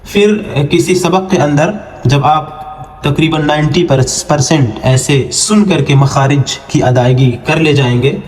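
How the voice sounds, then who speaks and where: A man teaching Arabic letter reading for the Quran, spelling out each letter and vowel, then stretching the syllables slowly before quick, low spoken explanations of the rules. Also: echoey room. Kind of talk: online Quran reading lesson.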